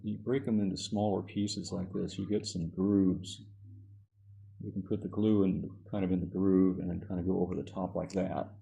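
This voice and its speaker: Deep gravelly man narrating a craft. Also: level tone, moderate pace, dark tone, muffled recording. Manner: rambling, self-correcting, chuckles at own jokes. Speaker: craft vlogger. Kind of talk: casual how-to narration while crafting.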